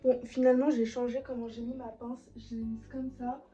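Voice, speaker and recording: A woman's voice: a little high, level tone, fairly quick, warm tone. A woman, chatting casually as she vlogs. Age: late teens. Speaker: vlogger. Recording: muffled lo-fi sound, music behind.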